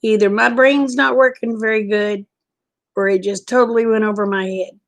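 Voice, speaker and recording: A woman's voice: a little high, fairly even intonation. An American woman chatting casually and a little unfocused from lack of sleep, in a folksy, homey way with endearments, as if to livestream viewers. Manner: sleep-deprived, unfocused, slow to follow. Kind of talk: casual rambling chat.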